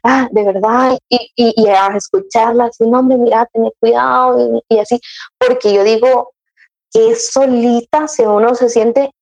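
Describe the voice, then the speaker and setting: A woman's voice: on the high side, fairly even intonation, measured pace, vocal fry, darkish tone, poor audio. A young woman, telling her story in casual chat, acting out her own past words with many restarts. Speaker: guest sharing her motherhood story.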